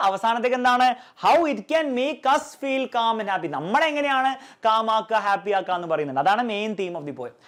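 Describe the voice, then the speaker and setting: A high-pitched male teacher runs an exam revision lesson. He asks rhetorical questions, answers them himself, and keeps checking that his pupils have understood. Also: a bit bright.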